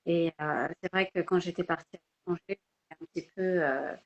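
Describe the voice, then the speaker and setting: Hesitant French woman, lowish voice. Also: steady tone, a little fast, dull audio. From France. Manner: hesitant, many fillers and restarts. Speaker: guest photographer. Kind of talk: casual live interview. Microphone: video call.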